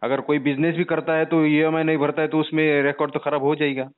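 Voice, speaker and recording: A man with a fairly high, flat-pitched voice speaks quickly as he calls a call centre in his role as a journalist. He complains insistently and indignantly, pressing pointed questions again and again, captured on a muffled, narrow-band phone recording.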